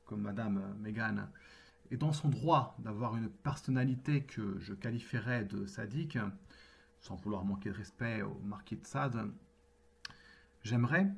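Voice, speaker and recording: Male French tutor, husky mid-pitched voice, formal, measured delivery. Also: darkish tone. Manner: formal, measured, deliberate with pauses. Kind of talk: scripted personal address to camera.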